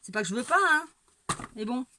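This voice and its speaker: Brisk, with big pitch swings and a voice on the high side, a woman with a cold demonstrates her painting technique casually at home. The amateur painter sounds stuffy-nosed, hesitant and rambling, repeating words and tossing in wry asides, while a dog occasionally barks amid clear background noise.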